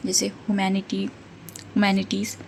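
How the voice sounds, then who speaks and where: A woman's voice: mid-range voice, completely flat delivery, unhurried, gravelly, a little hiss or hum. A woman giving a casual book review, reading out word lists and checking in with listeners, mixing English words into her Hindi explanations. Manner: reads out word lists and checks in with "theek hai" and "hai na".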